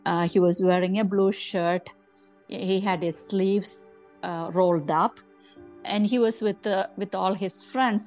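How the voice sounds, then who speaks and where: A middle-aged woman, a grieving mother who recalls a family weekend in a halting, soft way. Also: medium pitch, low-quality recording. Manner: halting, soft, acts out remembered dialogue. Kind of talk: personal recollection.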